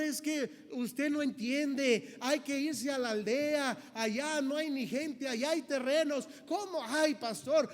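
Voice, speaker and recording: A man's voice: very high-pitched, in a large hall. A man preaching a sermon as a missionary pastor, telling stories and calling the congregation brothers. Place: church.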